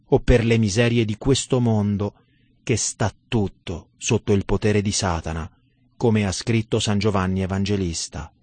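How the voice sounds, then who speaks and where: Man, devotional sermon reading, solemn and measured, dry close sound. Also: lowish voice, darkish tone, no echo. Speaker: religious narrator.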